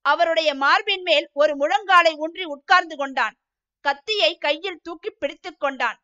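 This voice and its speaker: A woman narrating an audiobook with steady storytelling. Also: extremely high pitch, moderate pace, no echo, lo-fi sound. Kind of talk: scripted narration.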